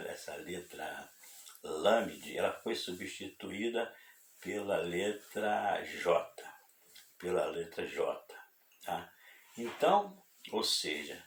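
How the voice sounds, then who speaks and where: A man preaching slowly, often stalling and repeating words before rising into emphatic bursts. His fairly low voice sits a little off the mic in an echoey room. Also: distant mic. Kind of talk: sermon-style religious teaching.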